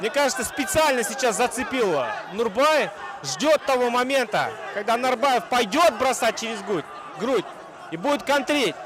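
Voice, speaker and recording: A man commentating live on an MMA bout like a wrestling commentator, moving between analysis and excitable calls. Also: very high-pitched, moderate pace. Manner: analytical play-by-play. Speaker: fight commentator. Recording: loud crowd and arena noise behind. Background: arena crowd.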